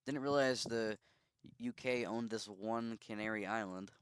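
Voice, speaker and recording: A man's voice: fairly low pitch, measured pace, smooth, no room sound. A man giving casual commentary on a strategy game simulation, musing and thinking aloud with easy asides.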